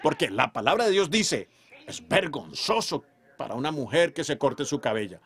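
A man preaching a sermon, emphatic, moving between loud declarations and hushed storytelling. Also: on the high side, very animated, moderate pace, slightly rough. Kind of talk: fervent sermon delivery.

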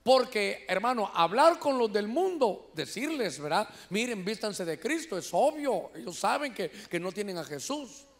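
A Honduran man preaching from the pulpit with a strikingly high voice. He talks in an animated, energetic way, keeps calling his listeners "brother," and raises his voice when he acts out people crying out. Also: unhurried, few pauses. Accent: Honduran Spanish. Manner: animated preaching, often addressing listeners as "hermano"; shouts when voicing quoted cries. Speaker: pastor. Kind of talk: sermon. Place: church sanctuary.

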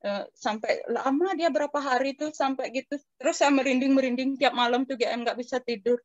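Hesitant respectful lady telling her story, kinda high voice, muffled dry sound. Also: steady tone, brisk, no echo. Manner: hesitant, many fillers and restarts; respectful, keeps addressing the teacher. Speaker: participant asking the teacher. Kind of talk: casual conversation, telling a personal experience.

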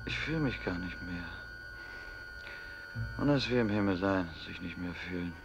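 A man giving a dramatic reading of a stage play, speaking as a bitter, despairing soldier, often hushed and at times rising to anguished cries. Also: low voice, animated, normal speed, vocal fry, dull audio, background noise. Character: Beckmann, despairing war-returned man.

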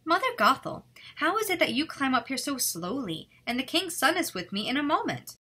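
A woman voicing an innocent young maiden in a fairy tale, speaking in a raised, gentle voice. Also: high voice, very animated, brisk, pitched above the performer's own voice, full character voice.

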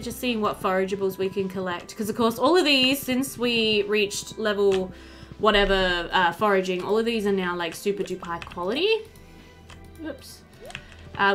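Fairly bright and mid-range, a woman's voice carries casual let's play commentary from her home, with game music underneath. The gaming video host, in her thirties, thinks out loud and chats to the game characters.

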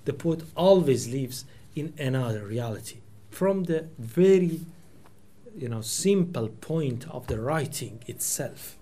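An Iranian man in his forties whose native tongue is Persian offers a reflective lecture in a small meeting room, recorded by a table microphone. His medium-pitched voice is expressive and warm, taking things slowly as he thoughtfully looks for words with many restarts and fillers.

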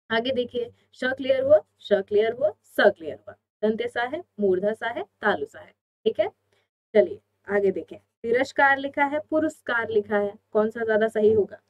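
A woman teaching an online exam-prep Hindi lesson, explaining step by step and answering her own questions. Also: fairly high pitch.

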